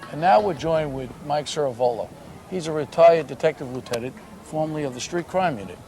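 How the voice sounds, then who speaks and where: A man's voice: fairly high pitch, a little fast, warm tone, soft background music, rough recording. A man hosting and narrating a police reenactment in a scripted style, also putting interview questions. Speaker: host and narrator, former police officer. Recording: faint background noise.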